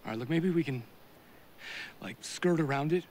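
A man's voice: fairly high pitch, normal speed, a little mellow, slight background noise, lightly acted. An actor playing a level-headed young male hiker in a film, firm and reassuring, talking outdoors in the woods. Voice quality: firm, reassuring, scolds bluntly. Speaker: hiker keeping the group calm. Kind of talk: film acting.

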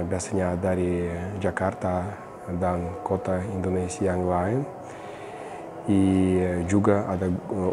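A man in his thirties from Russia, a foreigner speaking Indonesian with a Russian accent, giving a casual explanation to camera in a halting, hesitant way full of fillers. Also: low voice. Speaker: vlogger. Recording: clearly noisy background, ambient sound.

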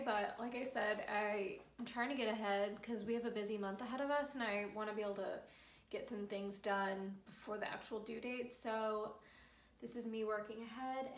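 A young woman chatting casually in a home vlog, upbeat with fillers, in a small room. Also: fairly high pitch. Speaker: vlogger. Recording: roomy home recording with soft background music.

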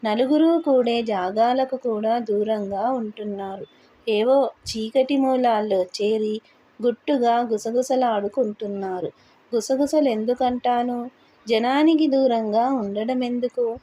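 A woman narrating a translated novel as an audiobook, in even, steady storytelling. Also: on the high side, unhurried, slightly rough.

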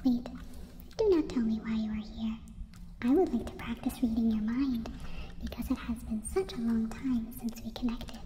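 Lady doing snooty clinical alien, whispered role-play, really muted soft tone, reverby. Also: on the high side, moderate pace, slight background noise, lightly acted. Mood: detached, condescending. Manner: formal, detached, stilted. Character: condescending, clinical female alien, curious about humans.

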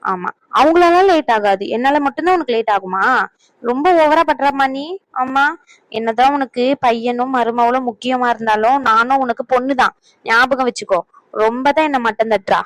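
A woman's voice: fairly high pitch, normal speed, no room sound, lightly acted. A woman voicing a young married daughter in a cartoon, sulky and complaining. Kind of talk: cartoon voice acting.

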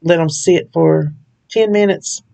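A woman's voice: sits low, a little slow, gravelly, warm tone. A woman hosting a home cooking video, talking through a recipe in a chatty, folksy way with frequent laughs. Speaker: cooking channel host. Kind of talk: casual recipe walkthrough.

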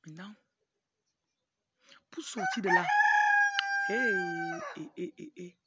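Gravelly and slow, her medium-pitched voice swings hugely in pitch as she delivers an informal motivational talk to camera, breaking off into asides. She's a young motivational speaker and livestream host with a Cameroonian French accent, from Cameroon but raised in Tonga. The phone, held at arm's length in an outdoor yard, picks up muffled, noisy audio, with a rooster crowing and background noise.

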